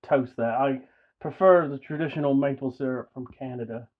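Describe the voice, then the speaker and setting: A man's voice: medium pitch, moderate pace. A man in casual home cooking chat in a kitchen, talking in an easygoing, rambling way with many fillers and restarts. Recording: dull home video with faint noise.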